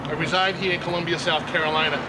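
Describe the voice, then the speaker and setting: A man's voice: on the high side, level tone, fast talker, very noisy. A man making a brash, jokey audition tape. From Brooklyn, New York. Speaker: correspondent applicant.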